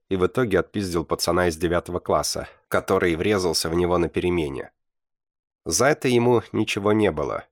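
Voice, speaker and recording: A man narrating a first-person audiobook in a measured, deliberate reading, with blunt slang. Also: sits low, no echo, studio quality.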